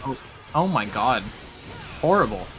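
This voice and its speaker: A man's voice: mid-range voice, big pitch swings, a little slow, fairly bright tone, soft background music. A man hosting a casual gaming stream, rambling with lots of fillers and swearing freely. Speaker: host.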